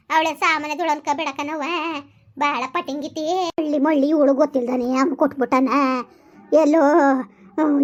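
High, fast woman bickering. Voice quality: scolding, taunting village banter. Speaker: village comedy skit performer. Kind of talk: rural comedy skit, bickering dialogue.

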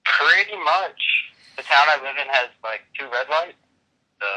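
A 21-year-old man from Louisiana, chatting casually as a caller over the phone, laid-back and quick to laugh. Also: mid-range voice, animated, bright, forceful tone, rough recording. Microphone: phone call.

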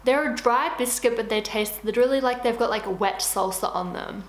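Chatting casually while she eats, this beauty vlogger in her twenties talks with her mouth full at a moderate pace, her voice a little high. The room sounds echoey, with a faint hiss.

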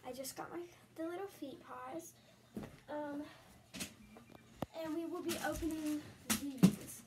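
A high, young girl's voice chatters casually, drifting a bit as she goes. Her words come out muffled through a mask. A loud background noise hangs over the camera mic recording. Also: steady tone, takes it slowly. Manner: chatty, a little scattered. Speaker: vlogger. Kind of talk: casual unboxing chat.

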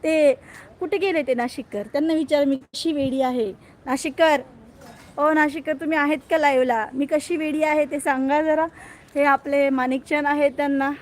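A woman's voice: high-pitched, steady tone, moderate pace. A woman hosting a live stream in casual chat, greeting viewers by name and teasing them playfully. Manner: playful, jokes about herself.

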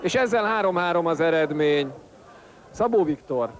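A man giving excited sports commentary as a football commentator, exclaiming at the action. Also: on the high side. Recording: noisy stadium broadcast with crowd. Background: football crowd.

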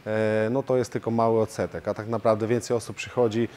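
A man who is a professional fighter and coach, answering interview questions in a steady way with frequent hesitation fillers, recorded in a martial arts gym. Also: lowish voice, a little fast.

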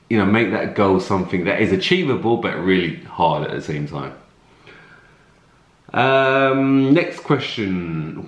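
A man in his thirties with a low voice chats casually through viewer questions, relaxed and full of fillers and restarts. The sound is roomy, with echo from the home room around him, and he is picked up by a camera sitting in front of him. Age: 30s. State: slightly runny nose. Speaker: fitness coach answering viewer questions. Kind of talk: casual Q&A vlog. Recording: echoey room.

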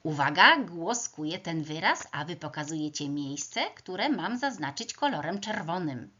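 A woman teacher giving a first-grade reading lesson, slowly sounding out words letter by letter for young children. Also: deep voice, animated, pushed and bright. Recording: dull lo-fi sound.

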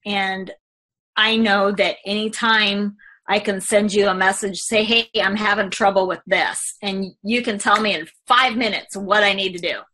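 A woman's voice: mid-range voice, bright, forceful tone, poor audio. A woman real estate agent giving a rambling, self-correcting testimonial interview, laughing easily. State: emotional, close to tears.

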